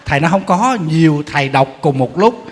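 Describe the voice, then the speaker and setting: Man, Buddhist monk, sermon, fairly high voice, long hall echo, animated storytelling. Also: a little fast, slight background noise. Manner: storytelling, animated, acting out quotes with humor. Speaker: Buddhist monk giving a dharma talk.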